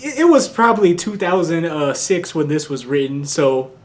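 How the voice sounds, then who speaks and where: A woman's voice: lowish voice, sing-song, moderate pace, noisy background. A woman guest on a comedic reading, talking hesitantly and stumbling over her words. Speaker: guest reader.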